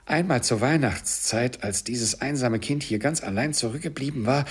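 A man voicing a miserly old man in an audiobook, swinging between excited cries and hushed sorrow. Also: on the low side, unhurried, breathy edge, heavily acted. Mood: delighted.

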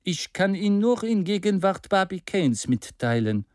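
A man reading an adventure story aloud, voicing an excitable, persuasive male adventurer in a dry, close recording. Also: high-pitched, unhurried, dry recording, voice pushed up. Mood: urging.

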